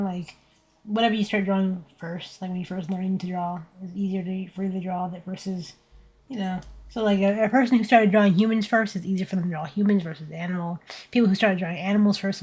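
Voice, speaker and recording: A woman in her twenties chatting casually and thinking aloud while drawing on a stream, in a tired, low-energy, laid-back voice, into a desk mic. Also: a little mellow. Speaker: VTuber streamer. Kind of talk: casual art stream chat. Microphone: desk microphone set to surround pickup.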